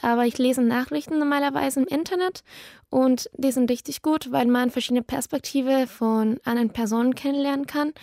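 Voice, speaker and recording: A woman's voice: high-pitched, gravelly, darkish tone, dry recording, studio quality. A woman of about nineteen from Ecuador, a native Spanish speaker with an Ecuadorian Spanish accent, talks earnestly in learner German about herself. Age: young adult, about 19. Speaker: German learner in a portrait interview. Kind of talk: personal portrait answers.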